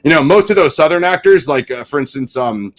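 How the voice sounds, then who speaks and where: A man's voice: on the high side, lively intonation, a little fast. A man hosting a casual film review chat, reading out trivia and riffing on it with lots of "you know". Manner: reads trivia then riffs on it; chatty, many fillers like "you know". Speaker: podcast host.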